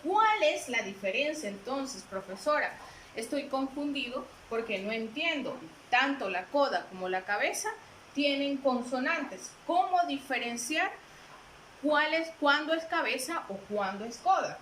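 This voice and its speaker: A confused young male student asks his question in a puzzled tone, as a woman puts him on. The voice is high and bright, and it is recorded in a roomy space with a little background noise. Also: lively intonation, measured pace.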